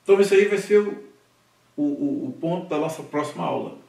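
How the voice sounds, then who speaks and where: A man's voice: on the high side, animated, fairly quick, vocal fry, darkish tone. A Brazilian man teaching a Hebrew literacy class, patiently drilling syllables aloud and checking in with his students. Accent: Brazilian Portuguese. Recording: echoey room recorded from a distance.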